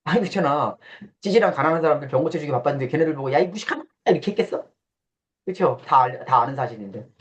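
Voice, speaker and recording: A man's voice: fairly high pitch, animated, fast talker. A man giving a casual classroom lecture, blunt and teasing, who quizzes his listeners and acts out coarse quoted voices. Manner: blunt and teasing, questions the audience. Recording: dull lo-fi sound.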